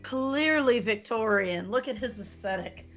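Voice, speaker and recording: A woman streamer chatting casually with her viewers and co-host, laughing and animated. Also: on the high side, a little slow, faint music behind. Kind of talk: casual live-stream chat.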